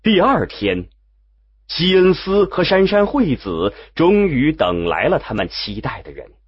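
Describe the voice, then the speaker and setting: A male audiobook narrator with a very breathy, husky voice reads a novel. His delivery is slow and expressive, and his pitch moves a lot. The recording sounds dull and lo-fi.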